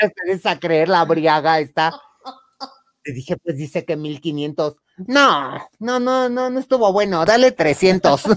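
Campy mexican guy telling a funny story, does high voices for the ladies he quotes, dry close mic. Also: dry recording. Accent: Mexican Spanish. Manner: campy, theatrical, jumps to higher pitch to act out quoted women; laughs often mid-story. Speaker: storyteller on a chat show. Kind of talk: comic anecdote telling.

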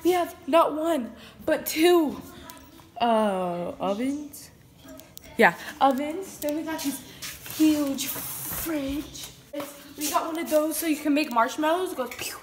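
A woman's voice: sits high, slow. A young woman filming a joking, mock-boastful tour of a house and backyard, giggling as she goes. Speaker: vlogger. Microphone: handheld phone camera. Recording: roomy phone audio with background noise.

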